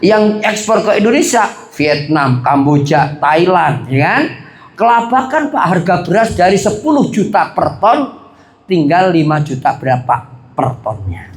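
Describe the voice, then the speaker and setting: A man giving a religious lecture in a chatty, lively way, asking and answering his own questions. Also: high-pitched, measured pace, roomy sound. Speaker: preacher.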